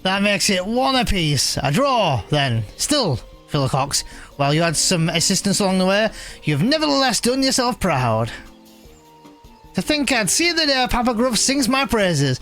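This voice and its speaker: A man voicing a gruff older male rival in a video game, grumbling and theatrical, over faint music. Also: high voice, very animated, unhurried, fairly bright tone, exaggerated voice.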